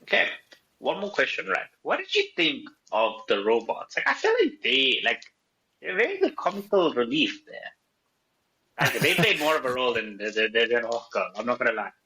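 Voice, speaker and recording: A man's voice: medium pitch, sing-song, normal speed, sharp tone. A man co-hosting a movie podcast, casually asking questions and steering the chat. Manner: asks questions, drives the talk. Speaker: podcast co-host. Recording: dull lo-fi sound.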